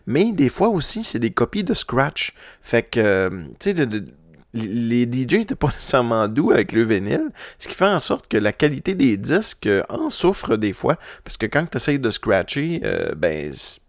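Recorded dry with clean studio sound, this middle-aged man has a medium-pitched voice and a Québécois French accent. Hosting a podcast, he talks casually about vinyl records in a rambling way, full of fillers and restarts.

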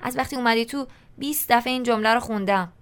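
A woman's voice: fairly high pitch, clean tone, natural voice. A woman voicing a sarcastic, bored sixteen-year-old schoolboy who answers with dry retorts in an audiobook. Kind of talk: audiobook character reading.

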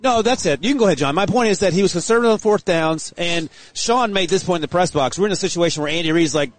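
A man giving brisk, opinionated football analysis in a casual chat. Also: high-pitched. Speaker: sports analyst.

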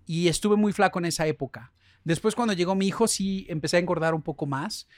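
Mexican guest with a Mexico City accent, laid-back storyteller, slightly high pitch, dry close sound. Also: male voice, fast, no echo. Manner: relaxed storytelling with fillers. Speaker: singer-songwriter guest. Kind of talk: casual chat.

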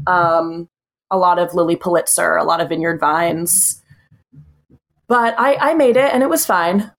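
A woman from Massachusetts chatting as a podcast guest, relaxed and frank, with lots of likes and ums. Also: fairly low pitch, unhurried. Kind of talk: casual chat.

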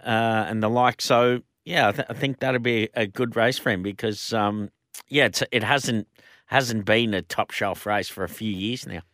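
A man in casual horse racing chat, giving tips in a halting, informal way. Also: lowish voice, fairly bright tone, no room sound, studio quality. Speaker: co-host and horse racing tipster.

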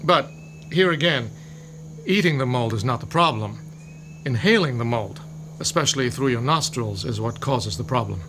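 In a modern audio drama, an actor voices a male professor lecturing patiently and explanatorily about fungi. His mid-range voice is animated, at normal speed and close to an everyday voice, with background noise.

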